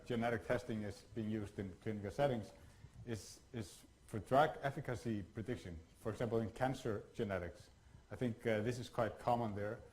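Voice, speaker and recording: A man from Iceland giving a workshop lecture, talking in a halting way with many fillers and restarts. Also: lowish voice, slight background noise, low-quality recording.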